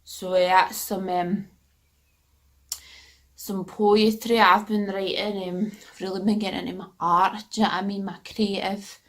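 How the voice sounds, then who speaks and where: Deadpan woman reciting crude verse. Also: medium pitch, unhurried. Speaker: comedy poet. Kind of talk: comic poetry performance.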